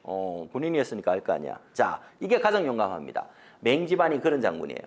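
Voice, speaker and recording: An animated male lecturer delivers a corporate training lecture at a fast pace with lively pitch. His storytelling swings from loud to soft as he acts out quotes, mixing polite and blunt casual speech and asking the audience questions.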